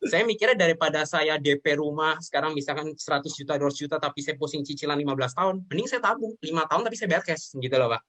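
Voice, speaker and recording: Fast-talking earnest young man. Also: fairly high pitch, a bit bright. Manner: earnest, often addresses listener as sir. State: tearful at times. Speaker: guest. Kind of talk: emotional personal talk.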